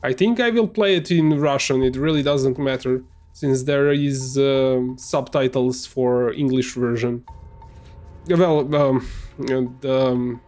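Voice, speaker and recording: A man of medium pitch with a slightly mellow voice, a native Serbian speaker, streams himself playing a game with casual let's-play commentary. His talk is hesitant, packed with fillers and false starts.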